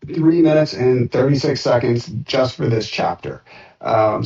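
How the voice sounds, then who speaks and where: A man casually walking through a screen-share demo of his app, thinking aloud with frequent "uh"s and restarts. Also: mid-range voice. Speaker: software developer demoing his app. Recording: roomy, distant and dull sound.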